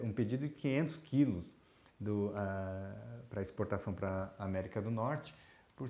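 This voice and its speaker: A man from Brazil talks through mushroom exporting at a middling pitch. He hesitates often and restarts his sentences. The recording is roomy and slightly muffled. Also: warm tone. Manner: hesitant, many fillers and restarts. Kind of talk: explanatory talk. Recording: roomy, dull lo-fi sound.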